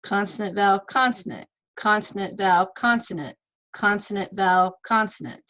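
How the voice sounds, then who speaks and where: A woman's voice: medium pitch, normal speed, pushed and bright, poor audio. A woman teaching an online ESL lesson, patiently sounding out words syllable by syllable and repeating them.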